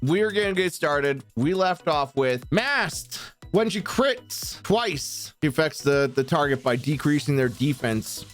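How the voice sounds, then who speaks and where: A young man with a notably high-pitched voice talks through a game tier list in a casual, blunt way. He reads out skill descriptions and reacts to them, swearing now and then, with faint music playing underneath. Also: lively intonation, measured pace. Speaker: gaming YouTuber ranking characters.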